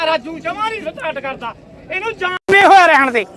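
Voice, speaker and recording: A man with a Punjabi accent brokering loudly at an outdoor livestock market, with theatrical, teasing, rhyming banter. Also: very high voice, expressive, brisk. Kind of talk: loud haggling banter at a market. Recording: busy outdoor market crowd and vehicles.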